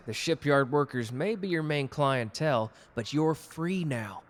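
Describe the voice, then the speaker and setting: In a romantic roleplay audio drama, a man plays a cocky, gallant and protective customer who teases and flirts in an intimate one-sided conversation. His voice is on the high side and expressive, with a measured pace and a suave, friendly, teasing mood.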